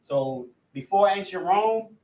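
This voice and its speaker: A high-sitting, expressive male voice with a darkish tone teaches a language lesson and reads out each letter of an alphabet. He speaks haltingly, with many fillers and restarts, and the recording quality is rough.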